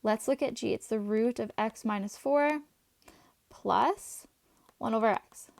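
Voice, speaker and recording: A woman teaching a math class, chatty and talking her students through each step as she writes, her voice a little hoarse. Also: fairly high pitch, measured pace, no room sound. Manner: chatty, talks while writing, asides to students. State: voice going, slightly hoarse.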